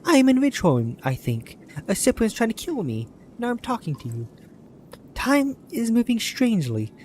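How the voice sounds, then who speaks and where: A man's voice: very high voice, huge pitch swings, moderate pace, a little mellow, slight background noise, pitched above the performer's own voice, heavily acted. A man voicing a young woman mender who speaks in a raised, urgent way. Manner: raised, urgent, breathless delivery.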